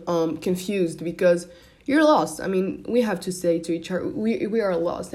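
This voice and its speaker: A woman's voice: on the low side, darkish tone. Hesitant young woman. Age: young adult. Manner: hesitant, many fillers and restarts. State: slightly shaky voice. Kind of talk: casual personal vlog.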